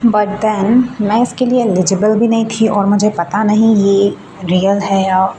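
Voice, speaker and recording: A young woman student talks casually in a vlog. She reads form text out slowly and then explains it in Hindi. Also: medium pitch, fairly even intonation, noisy background. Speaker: student vlogger.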